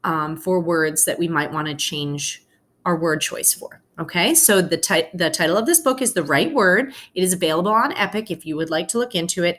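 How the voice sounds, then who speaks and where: Reading a picture book to her class, this teacher explains things casually but phrases them carefully. She speaks in a lowish voice with a slightly bright quality.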